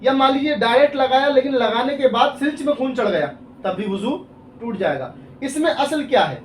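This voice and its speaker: A man with a strikingly high voice, explaining religious rules patiently step by step. He keeps checking that the listener follows and uses worked examples. His voice comes from a distance in an echoey room, with faint background noise. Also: animated. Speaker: Islamic scholar (mufti).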